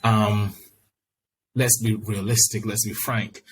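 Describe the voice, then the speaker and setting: A man with a Barbadian accent talking conversationally on a podcast, explaining and arguing his points in a measured way. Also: lowish voice, flat delivery, a little hiss or hum, poor audio. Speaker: podcast speaker. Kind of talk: conversational discussion.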